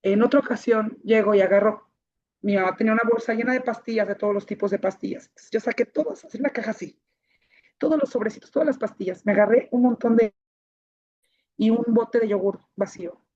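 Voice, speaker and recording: Woman speaker, husky voice, heartfelt testimony, dull muffled recording. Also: on the high side, fast, a little mellow. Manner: emotional, repeats key phrases for emphasis. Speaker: speaker sharing her life story, founder of a child-protection association. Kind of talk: personal testimony talk to an audience.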